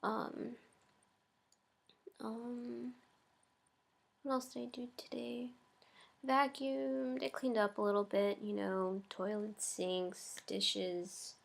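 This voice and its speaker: Creaky young woman rambling in a vlog. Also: fairly high pitch, level tone, slow pace, pauses often. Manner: hesitant, full of ums and likes. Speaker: vlogger.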